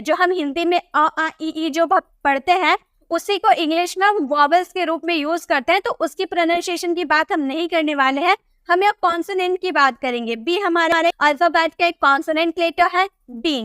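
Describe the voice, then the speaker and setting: A woman's voice: very high-pitched, a bit bright, no echo, studio quality. A woman with a Hindi accent teaching an English pronunciation lesson, asking questions and answering them herself. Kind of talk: pronunciation lesson explaining rules.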